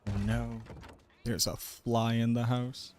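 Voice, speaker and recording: A man's voice: medium pitch, little pitch movement, takes it slowly, darkish tone. A man streaming a video game, chatting casually and playfully as he plays. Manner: playful, joking commentary. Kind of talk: casual live gameplay chat.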